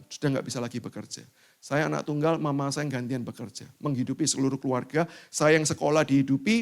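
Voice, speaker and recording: A man from East Java preaching a sermon and telling a personal story, with dramatic swings between loud highs and quiet lows. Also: gravelly. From East Java, Indonesia. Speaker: evangelist preacher. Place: church hall.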